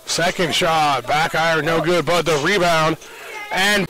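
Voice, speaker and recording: A man's voice: fairly high pitch, steady tone, a little slow, a crowd in the background, poor audio. A man giving basketball play-by-play in short, clipped calls. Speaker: play-by-play commentator.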